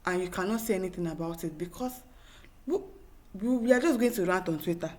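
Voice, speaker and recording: Her voice fairly low and a little mellow, a talk show host with a Nigerian accent moves a little fast through viewer comments. The show is opinionated news commentary, and she sounds emphatic and fed up, repeating points and asking rhetorical questions.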